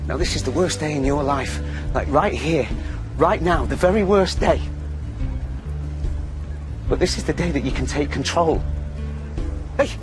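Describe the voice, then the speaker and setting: An actor playing an earnest, caring man in a TV drama, pleading and reassuring in an urgent, halting way. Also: a little high, natural voice. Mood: urgent reassurance. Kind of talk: naturalistic TV drama acting. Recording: music under the dialogue.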